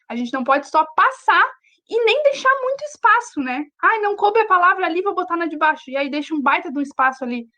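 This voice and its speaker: A woman's voice: high voice, fairly bright tone. A young woman teaching a writing class online, chatty and always checking in with her students. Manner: chatty, addresses students directly, frequent "tá?" checks.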